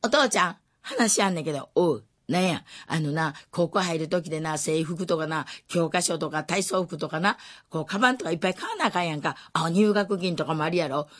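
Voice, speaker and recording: A woman's voice: lowish voice, lively intonation, a little fast, a bit bright. A woman voicing her teenage self, pleading earnestly with her father in a Kansai accent.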